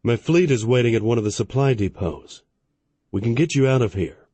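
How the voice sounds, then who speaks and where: A man's voice: medium pitch, expressive, brisk, warm tone, breathy edge, no room sound. A man reading an audiobook, voicing a doubtful male starship commander who questions things in a matter-of-fact way. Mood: questioning. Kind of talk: audiobook narration.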